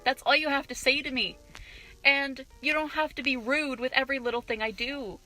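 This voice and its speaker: A woman's voice: high voice, moderate pace, soft background music, poor audio. A young woman and cashier, ranting indignantly and profanely about a customer in a vlog. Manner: profane, indignant, animated retelling. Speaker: vlogger, cashier.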